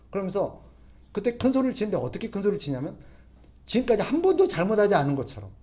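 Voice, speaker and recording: Lively, fairly high-voiced male preacher. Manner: keeps asking the congregation rhetorical questions; conversational preaching with everyday examples. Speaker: pastor. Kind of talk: expository sermon.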